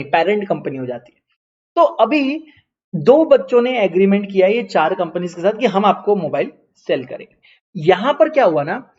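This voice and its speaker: A man's voice: sits high, darkish tone, highs cut off. A man with an Indian accent giving an online lecture. He asks and answers his own questions and keeps repeating key terms. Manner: repeats key terms, mixes English terms into Hindi. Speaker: teacher.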